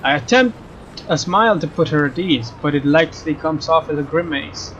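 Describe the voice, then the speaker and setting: A young let's player with a highish, fairly bright voice reads the game's story with flair and adds laid-back commentary at normal speed. There's slight background noise, and faint game music runs under his somewhat dull mic.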